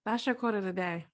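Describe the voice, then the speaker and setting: A woman hosts a casual podcast chat with a slightly high voice. She talks in an animated, slangy way, laughing often as she goes. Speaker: podcast host.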